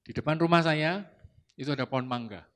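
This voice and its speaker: A man preaching at a church service about marriage, telling a personal story in a lively, anecdotal way. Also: on the high side, fairly quick. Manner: lively anecdotal preaching, rising to loud retorts when quoting himself. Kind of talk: sermon with storytelling.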